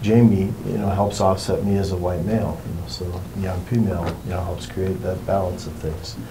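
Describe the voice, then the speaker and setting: A man leading a workshop, explaining things to a group in an informal, meandering and unhurried way. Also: low-pitched, flat delivery, noisy background. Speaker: workshop facilitator.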